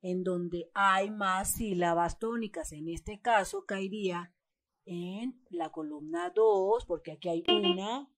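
Her medium-pitched voice animated and her pace slow, a woman with a Mexican Spanish accent leads a step-by-step homework lesson. She reads example words from a schoolbook exercise, patiently stressing their syllables.

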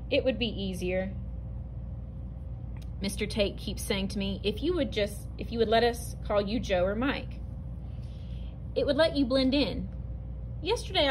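Seated indoors at a table over an open book, a woman teacher reads a narrative poem from a picture book aloud to her students. Her slightly high voice is clear and expressive, though she stumbles and restarts now and then. The low-quality recording carries a faint hiss of room noise.

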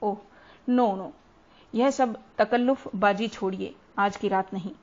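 Brief: woman voicing a big, loud family friend in a storybook reading, brusque and hearty, on a muffled recording. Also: medium pitch, slow pace. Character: tall booming middle-aged man, gruff even when kind. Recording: dull lo-fi recording.

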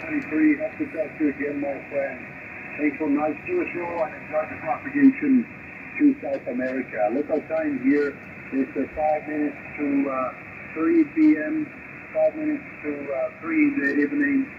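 Man, ham radio call, call signs in phonetic alphabet, fairly high voice, thin tinny radio sound. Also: normal speed. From Chile. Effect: heard through a shortwave radio receiver. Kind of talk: ham radio contact exchange. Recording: tinny radio signal with loud static.

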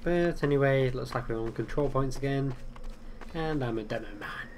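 Game sounds and keyboard noise play behind a gaming channel host whose cold leaves his voice stuffed and nasal. He chats casually, pokes fun at himself and reacts aloud to his gameplay, speaking at medium pitch, a moderate pace, and a slightly mellow tone.

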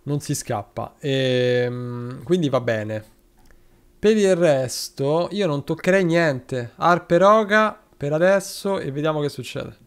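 A man's voice: a little high, slow, clear, resonant tone. A man commenting live on a football manager game, chatting with viewers, thanking subscribers and talking to his players. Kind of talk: live gameplay commentary with chat shout-outs.

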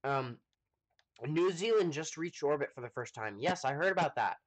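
A man with an American accent chatting casually to viewers during a live game stream, rambling with lots of fillers and pausing to eat. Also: on the high side, lively intonation. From United States. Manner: rambling, chatty, full of fillers, talks while eating. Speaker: livestreamer playing a space game.

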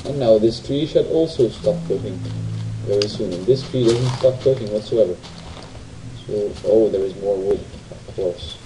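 A man's voice: fairly low pitch, moderate pace, noisy background. A man giving rambling, casual commentary while playing a video game, often asking his viewers tag questions. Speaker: gamer. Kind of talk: casual let's play commentary. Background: faint game music.

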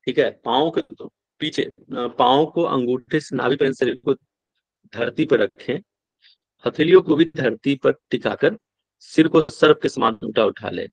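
A male yoga teacher, at a middle pitch. He chants old verses slowly and explains them in brisk, plain classroom talk. The sound is dry and close. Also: darkish tone, slightly rough, no echo. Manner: chants verses slowly, then explains quickly with "ठीक है?" checks.

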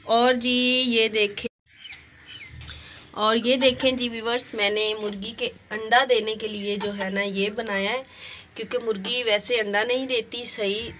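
With a mid-range, bright and forceful voice over slight background noise, a woman in her thirties vlogs about family life despite a sore throat. She talks chattily to her audience, phone held at arm's length, moving between her bedroom at home and a rooftop with hens.

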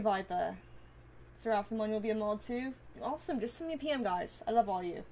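A woman streamer chatting casually with viewers, reading and answering comments in a bubbly way, swearing freely and laughing often. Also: on the high side.

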